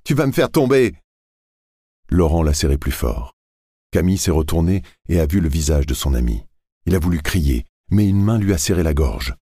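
A man reading a novel aloud in steady, measured scripted narration. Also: extremely low pitch, breathy edge, dry recording, studio quality.

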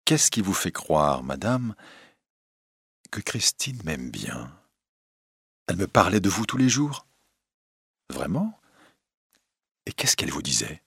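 Guy doing a worried young noble, low and gloomy, dry sound. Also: big pitch swings, normal speed, creaky, pauses often, husky, dry recording, heavily acted. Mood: hushed, troubled. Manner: gloomy and hushed. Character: anxious, troubled young nobleman. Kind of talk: storybook reading.

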